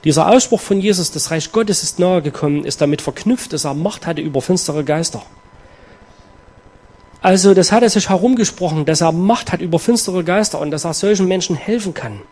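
A male preacher with a fairly high voice delivers a sermon. He reads scripture slowly and earnestly, stresses key words and leaves dramatic pauses before explaining the passage. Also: darkish tone. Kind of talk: sermon with Bible reading.

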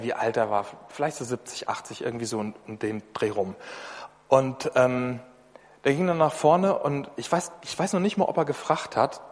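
A man preaching a sermon in German in a lively, conversational way, often turning to the listeners directly. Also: medium pitch. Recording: long reverb of a hall.

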